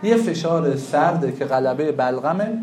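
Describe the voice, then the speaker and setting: A man's voice: fairly high pitch, lively intonation, darkish tone, reverberant, slight background noise. A man teaching a class on traditional medicine, lecturing animatedly and asking his students questions that he answers himself.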